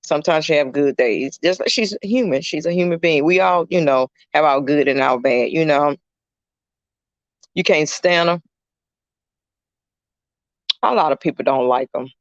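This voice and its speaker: A man's voice: on the high side, normal speed, pauses often, dry recording, muffled recording. A middle-aged man, a caregiver chatting casually on a livestream. He rambles, fills his talk with "you know" and greets viewers by name. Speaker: caregiver streaming live. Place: indoors at a client's home.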